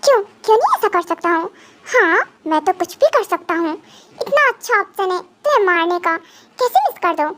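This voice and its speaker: A woman's voice: very high-pitched, lively intonation, brisk, fairly bright tone. A woman voicing a menacing young male psychopath gang boss in a fan dub drama, taunting and threatening.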